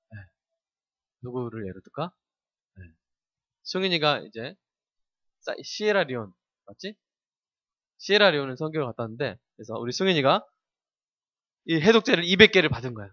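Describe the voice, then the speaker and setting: Guy pastor preaching to young folks, keeps throwing questions at the crowd, sharp bright tone, muffled dull recording. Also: sits high, no room sound. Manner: keeps asking the congregation questions and leading call-and-response. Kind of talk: sermon to a youth congregation.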